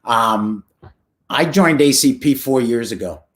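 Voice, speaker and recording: A man's voice: mid-range voice, animated, takes it slowly, a bit bright. A man with a Brooklyn accent talks casually as a panel guest. He has a teasing, bantering way about him and speaks in a conversational style. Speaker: panel guest, nonprofit senior executive. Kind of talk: casual video panel chat.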